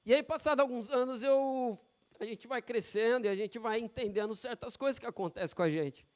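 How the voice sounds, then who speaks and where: A man preaching to his congregation, with a notably high voice. He talks informally and keeps checking in with the room through quick tag questions. His tone is smooth and resonant as he tells personal stories from the pulpit. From São Paulo, Brazil. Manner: conversational, personal storytelling with frequent tag questions. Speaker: pastor. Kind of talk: sermon. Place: church sanctuary.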